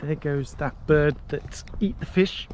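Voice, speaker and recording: British guy doing a walking vlog, voice a bit high, chatty, bit of outdoor and traffic noise behind. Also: slow, a little mellow. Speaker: vlogger. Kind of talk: casual walk-and-talk vlog. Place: outdoors on a canal path.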